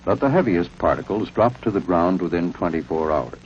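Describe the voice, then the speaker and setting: Deep-voiced American man, vintage film narrator. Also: expressive, darkish tone. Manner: measured, authoritative, instructional. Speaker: documentary narrator. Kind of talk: 1950s civil defense film narration, scripted. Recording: muffled, noisy vintage film soundtrack.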